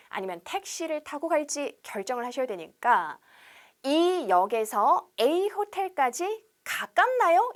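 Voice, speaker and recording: A woman teaching English pronunciation on a TV lesson, coaxing viewers and drilling phrases slowly and repeatedly. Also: sits high. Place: TV studio.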